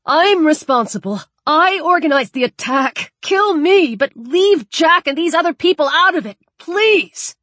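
A woman's voice: extremely high pitch, animated, a little slow, few pauses, a bit bright, no room sound, voice pushed up, heavily acted. A woman narrator voicing a desperate young man who pleads frantically to spare others. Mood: frantic pleading.

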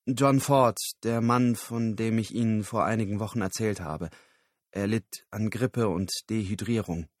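A man's voice: fairly low pitch, steady tone, unhurried, dry recording, clean studio sound. A man voicing an earnest, somewhat awkward male product researcher.

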